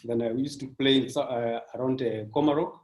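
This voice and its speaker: A man in his thirties talks through his thoughts in a measured, reflective way, dropping in frequent fillers. His voice is mid-pitched, and the recording has a noticeably roomy echo around it. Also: steady tone, darkish tone. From Kenya. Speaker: sports business professional. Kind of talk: casual interview.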